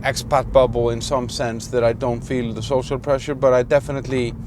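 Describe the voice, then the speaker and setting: A man's voice: mid-range voice, little pitch movement, fairly quick, darkish tone, soft background music. Rambling man from Iceland. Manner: rambling, many fillers and restarts. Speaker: vlogger. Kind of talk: casual vlog monologue. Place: in a car.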